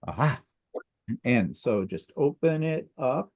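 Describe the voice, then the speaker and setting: A man's voice: mid-range voice, big pitch swings, measured pace, a little mellow. Dry, sarcastic man on a muffled call. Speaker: quilter guest. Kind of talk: casual chat while sewing on a live stream. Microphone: video call. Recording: muffled video-call audio.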